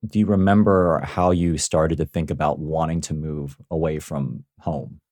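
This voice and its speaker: A man's voice: rumbling low, steady tone, normal speed, darkish tone, no room sound, studio quality. A man hosting a career podcast and asking his guest questions. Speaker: podcast host. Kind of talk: interview podcast.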